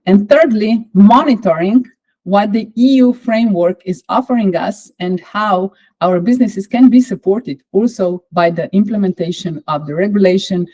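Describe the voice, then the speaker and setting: Slovenian-accented woman lecturing, mellow voice. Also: on the low side, poor audio. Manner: measured, explanatory, with frequent fillers. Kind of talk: online course lecture.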